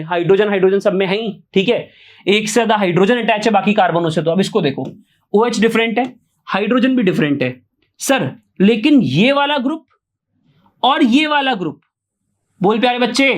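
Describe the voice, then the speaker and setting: A man teaching chemistry online, repeating each question to his students and answering it himself, often asking yes or no. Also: high-pitched. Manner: coaxing, keeps asking yes or no. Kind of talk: online exam-prep lecture.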